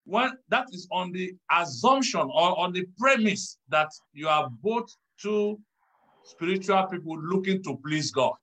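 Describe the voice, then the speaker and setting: A man, a pastor, teaching in a church talk show, measured and stressing key words. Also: high voice, lively intonation, bright, forceful tone, poor audio.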